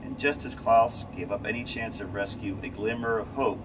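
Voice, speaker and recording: The reader is a middle-aged man whose voice runs on the low side, moving at a normal pace through a rhyming children's story with expressive flair. He sometimes stumbles and rereads lines. Captured from a distance in a cramped space station window module, the audio carries a loud, unbroken hum like air conditioning.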